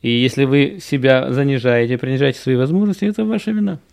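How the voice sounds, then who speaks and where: A man from Russia talks casually to his viewers, rambling and explaining as he goes, with a gravelly, creaky edge in his voice. His pitch sits in the ordinary middle for a man, and he stops now and then to demonstrate English pronunciation. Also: fast talker, a little mellow. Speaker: author and programmer.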